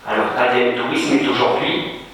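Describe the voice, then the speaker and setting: A male university lecturer giving an academic talk to students, measured and explanatory, slowing down on key terms. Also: medium pitch, little pitch movement, fairly bright tone, a little hiss or hum. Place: lecture hall. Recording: echoey hall recorded from far off.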